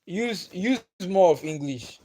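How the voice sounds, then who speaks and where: High-pitched and mellow, with lively intonation, a man speaks slowly as he hosts a livestream and reads comments in relaxed chat. He first spoke Igbo. He is patient, repeats himself, and chuckles often.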